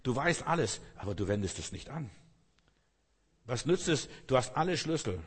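Husky-voiced man preaching in a hall. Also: mid-range voice, very animated, moderate pace. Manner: earnest, repetitive, addresses listeners directly. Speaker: pastor. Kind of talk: sermon. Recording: long hall reverb.

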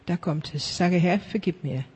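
Praying in German with bits of English mixed in, this male preacher leads charismatic ministry at a moderate pace. His high, breathy, slightly mellow voice repeats blessings in a fervent chant and sometimes sinks to a whisper.

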